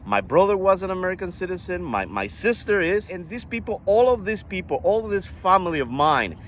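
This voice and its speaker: Earnest older man, higher voice. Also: very animated, fairly bright tone, slight background noise. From Costa Rica. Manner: earnest, halting with restarts. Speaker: vlogger. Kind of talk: casual monologue.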